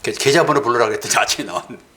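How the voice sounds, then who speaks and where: A middle-aged male pastor giving a conversational sermon, asking the congregation questions and voicing God's replies in a low, slow tone. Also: pushed and bright.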